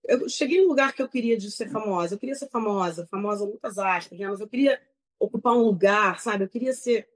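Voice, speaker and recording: A woman's voice: mid-range voice, low-quality recording. A woman with a Brazilian Portuguese accent, speaking as an interview guest in a frank, rambling, self-critical way with many restarts. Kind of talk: candid conversational interview.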